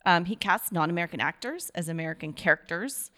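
A woman's voice: lowish voice, lively intonation, quick pace, bright, forceful tone. A woman co-hosting a casual chat, reading facts aloud from notes with fillers.

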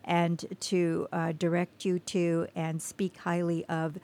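A woman's voice: fairly low pitch, completely flat delivery, takes it slowly, dark tone. A woman co-hosting a community radio food show, chatting in an encouraging way with frequent laughs. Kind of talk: casual radio chat.

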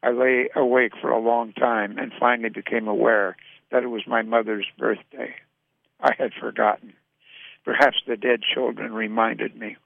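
A man gives a measured, sombre reading in a voice thick with gravel. The sound is narrow and phone-like, dry with no room around it. It sounds like a radio reading. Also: medium pitch, flat delivery, no room sound. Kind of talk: literary reading.

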